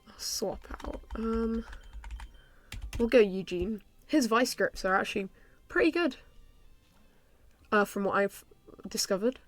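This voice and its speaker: Faint music plays behind a young female gaming YouTuber who has a stuffy nose from a cold. At a measured pace with long pauses, she casually talks through her game in a medium pitch, thinking aloud with many ums and soft laughs.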